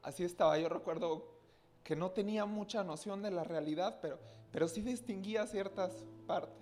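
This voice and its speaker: A man recounts his testimony before a congregation in an earnest, direct way, often speaking straight to his listeners. His voice sits a little high for a man. Faint music plays quietly underneath. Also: moderate pace. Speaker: church speaker giving testimony.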